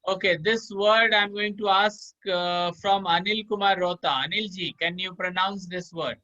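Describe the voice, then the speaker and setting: A man teaches a live online English class, repeating each word slowly and calling on students one by one to say it back. His voice is bright and forward, and it comes through dull, lo-fi call audio. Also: sits high, fairly even intonation. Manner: drills pronunciation by slow repetition, calls on students by name. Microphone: video call.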